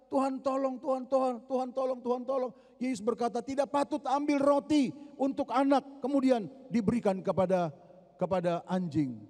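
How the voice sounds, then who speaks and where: A man's voice: on the high side, mellow. A man with an Indonesian accent preaching a sermon as a pastor in a large church hall, telling a story dramatically with emphatic rises. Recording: long hall reverb.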